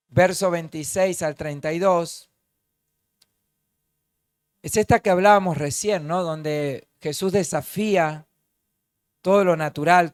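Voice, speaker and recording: A pastor with a Rioplatense accent preaches in a high voice, leaning hard on key words and drawing them out. He keeps turning to the congregation with rhetorical questions. The sound is close and dry, with no room echo. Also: clear, resonant tone. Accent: Rioplatense Spanish. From Argentina. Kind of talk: sermon.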